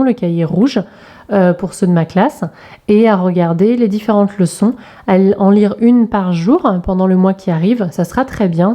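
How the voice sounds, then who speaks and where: A woman teacher, talking young pupils through an exercise in a remote lesson video, spelling out sounds and letters slowly and carefully. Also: mid-range voice, mellow. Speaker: primary school teacher.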